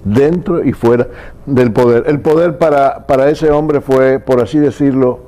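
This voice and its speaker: A man hosting a political TV interview, speaking in a reflective, measured way. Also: mid-range voice, steady tone, dark tone. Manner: reflective, measured, asks long questions.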